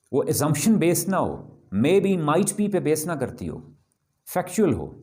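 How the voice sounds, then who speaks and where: A man giving a classroom lecture as a presentation skills trainer, emphatic and lively, mixing English phrases into his talk and often checking whether students follow. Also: fairly high pitch. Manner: mixes English phrases into Hindi-Urdu.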